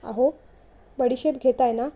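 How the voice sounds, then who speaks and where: A woman's voice: high-pitched, steady tone, unhurried, dark tone. Woman reading as a timid, tearful young wife. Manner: hesitant, timid.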